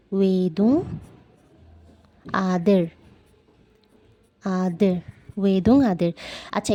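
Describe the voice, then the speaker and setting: Patient woman teaching slow word drills. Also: mid-range voice, warm tone. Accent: Bangladeshi Bengali. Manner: repeats each word slowly, patient and explanatory. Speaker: language teacher. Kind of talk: casual vocabulary lesson.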